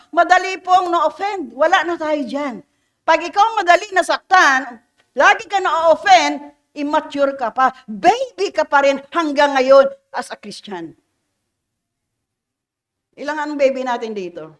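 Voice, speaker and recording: High-voiced Filipina woman pastor preaching. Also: a bit bright. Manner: mixes English phrases into Filipino preaching, asks the congregation questions; playful teasing, laughs between points. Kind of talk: Sunday sermon.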